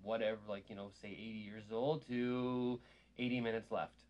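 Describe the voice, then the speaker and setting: A man's voice: lowish voice, fairly even intonation, normal speed, a little mellow, lo-fi sound, slight background noise. A man hosting a casual chat, talking in rambling, meandering sentences.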